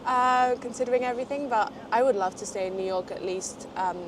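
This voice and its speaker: A young woman raised in Portugal talks in English with a light British-tinged accent, French being her first language. She chats easily but hesitates often, with many "um"s and small laughs. The recording is made outside on a city street, with clear traffic noise behind her. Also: a little high, fairly quick. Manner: chatty, hesitant with frequent fillers and small laughs. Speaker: interviewee, graduate student. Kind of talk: casual street interview.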